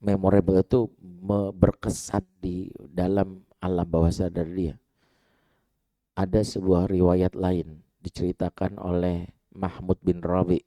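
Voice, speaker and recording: A man's voice: deep voice, unhurried, pauses often, no room sound. A man giving a parenting sermon at a mosque, telling stories animatedly and acting out the people in them, often addressing the men listening. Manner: animated storytelling, acts out quoted voices, addresses audience as Pak. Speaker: preacher. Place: mosque hall.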